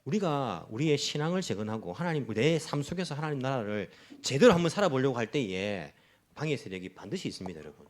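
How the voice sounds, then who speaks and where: A middle-aged male pastor delivers a Sunday sermon in a church, his voice rising and falling in wide, lively swings. He talks to the congregation directly, now and then slipping into scornful voices to act out people who mock the faithful. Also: mid-range voice, quick pace. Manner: animated preaching, acts out mocking voices of opponents. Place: church in Tokyo.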